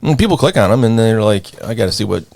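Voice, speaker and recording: A man's voice: fairly low pitch, expressive, very fast, creaky, darkish tone, no room sound. A man hosting a podcast in a casual, rambling, easygoing chat full of fillers. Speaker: podcast host.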